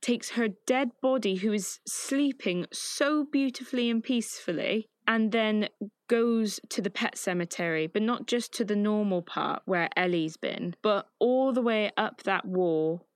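A woman's voice: medium pitch, no room sound, clean studio sound. A woman recapping a film's plot in a chatty, emotive way, often saying "like". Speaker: film reviewer. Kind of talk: casual film plot recap.

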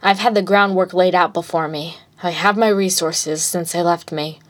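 Lady reading a tired brooding villain guy, flat and drained, kinda sardonic. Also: fairly low pitch, normal speed, natural voice. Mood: resolute. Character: weary young male villain leader, brooding. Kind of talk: fan fiction read aloud.

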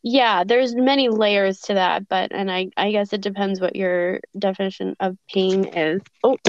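A woman's voice: medium pitch, fairly even intonation, moderate pace, smooth, no echo, dull audio. A woman being interviewed, telling a personal story in a reflective, hesitant way with many fillers and restarts. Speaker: guest.

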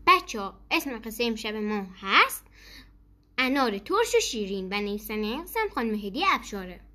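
A woman hosting a children's story podcast, reading a bedtime story gently and expressively. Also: a little high, big pitch swings.

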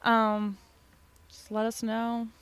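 A woman co-hosts a podcast from her home basement, which has no door, chatting casually into a desk microphone. Her voice is fairly high, smooth and monotone, and she speaks slowly in a dry recording.

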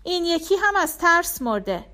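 A woman voicing a gentle mother who answers her small son's questions with soft reassurance. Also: very high-pitched, big pitch swings, voice pushed up, exaggerated voice. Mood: tender. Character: gentle mother soothing her young son.

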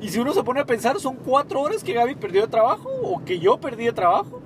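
Young Guatemalan man, co-host, high animated voice, playful storyteller in a car. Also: fast talker, background noise. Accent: Guatemalan Spanish. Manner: storytelling, acts out quoted dialogue, joking. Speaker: podcast co-host, small bakery owner. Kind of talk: casual chat. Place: inside a car, parking.

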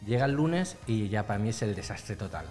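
A man's voice: fairly low pitch, sing-song, a little fast, darkish tone, big-room sound, faint music behind. A man from Spain co-hosting a comedic podcast, rambling in an easygoing way about his week. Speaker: podcast co-host.

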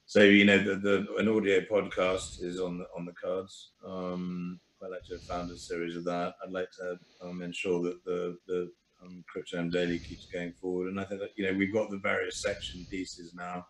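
A man's voice: low voice, monotone, moderate pace, fairly bright tone, reverberant, slight background noise, poor audio. A man, a podcast guest, talking casually with many fillers and restarts. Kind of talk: casual interview talk.

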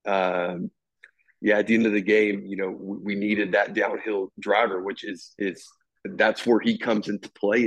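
A man with a fairly low voice talks through a game in loose, casual sports chat. He stops and restarts often and leans on fillers as he thinks aloud. The sound is dry and close, with no room around him. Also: no room sound. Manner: halting, many restarts and fillers. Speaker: podcast co-host.

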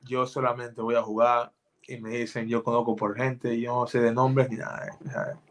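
A man's voice: mid-range voice, level tone, normal speed. A man, a guest basketball player, chatting casually in a loose, slangy, laughing way. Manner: laid-back, slangy, laughing. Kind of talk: casual chat.

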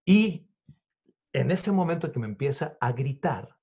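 A man's voice: a little high, expressive, a little slow, darkish tone, breathy edge. A Mexican man in his fifties telling a story in an interview. He acts out the dialogue and swears freely. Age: 50s. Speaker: guest, illusionist. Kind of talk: animated storytelling in conversation. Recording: dull lo-fi recording.

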